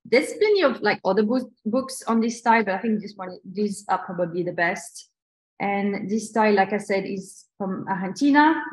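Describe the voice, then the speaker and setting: Over echoey video call audio, a lettering instructor from New Caledonia, who speaks with a French accent in a mid-range voice, leads a live online tutorial. She's chatty and enthusiastic and often restarts her sentences.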